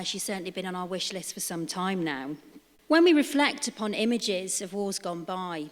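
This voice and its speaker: Woman host, formal welcome, lowish voice, long hall reverb. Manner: formal, reflective. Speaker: event host. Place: public hall.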